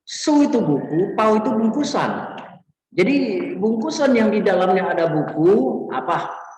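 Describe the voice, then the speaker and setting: A man teaching a vocabulary lesson in a patient, step-by-step way, his pitch rising and falling a lot. He speaks slowly and is a little distant from the mic. The room adds a long, hollow reverb. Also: big pitch swings, darkish tone. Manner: slow, explanatory, frequent "ya" tags. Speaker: Mandarin teacher. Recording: echoey room, voice a bit distant.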